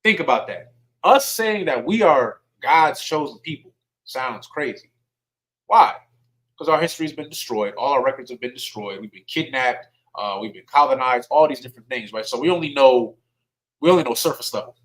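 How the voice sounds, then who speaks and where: This teacher at a religious service delivers his sermon in a chatty, informal way, reading scripture, asking questions of the audience, and dropping dialect words like "y'all." His mid-range voice is animated and fairly bright at a moderate pace, though the recording is low quality.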